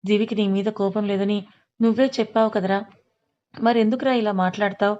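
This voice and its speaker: A woman's voice: medium pitch, steady tone, a little fast, a little mellow, lo-fi sound, lightly acted. A woman reading as a chiding male friend. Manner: chiding, reassuring. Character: close male friend, worried and scolding.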